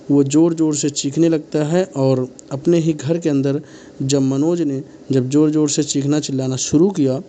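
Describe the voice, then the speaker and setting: A man tells a true crime story in a loose, unscripted way, restarting his sentences as he goes. His voice is mellow and sits fairly high for a man. Faint ambient noise runs under the recording.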